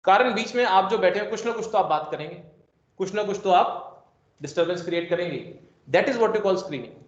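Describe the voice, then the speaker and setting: High-voiced male teacher in an echoey classroom. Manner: jokey, explains by everyday classroom analogies. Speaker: chemistry teacher. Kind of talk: classroom lecture. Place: classroom with students present. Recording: echoey classroom, dull lo-fi sound.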